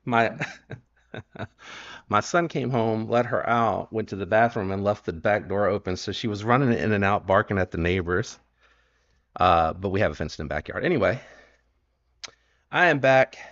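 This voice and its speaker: A man with a drawl chats casually as the host of a home livestream. His voice sits low, and he rambles, trailing off and starting over. The sound is muffled and lo-fi, like audio from a stream. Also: moderate pace, pauses often, a bit bright. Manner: rambling, self-correcting and easygoing. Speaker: knife channel host.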